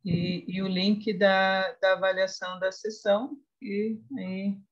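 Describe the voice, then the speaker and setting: A woman moderating an academic session over a video call. She speaks softly and lets her sentences trail off. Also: mid-range voice, level tone, slow pace, dull audio.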